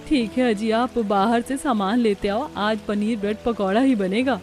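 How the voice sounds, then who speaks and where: A woman voicing a caring, anxious village wife who speaks softly. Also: a little high, normal speed, lightly acted. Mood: hopeful.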